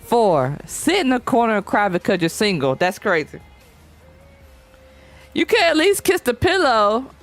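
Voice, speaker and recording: A woman's voice: a little high, very animated, unhurried, long pauses, faint music behind. A young woman streaming a game, chatting casually and reading chat aloud in slangy, playful talk. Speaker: VTuber streamer. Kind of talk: casual live-stream chat while gaming.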